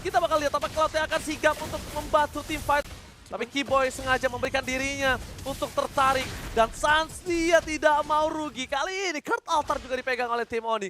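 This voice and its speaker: A man's voice: very high voice, fast, sharp tone, faint music behind. A man with an Indonesian accent doing live play-by-play of an esports match as a hyped fighting game announcer.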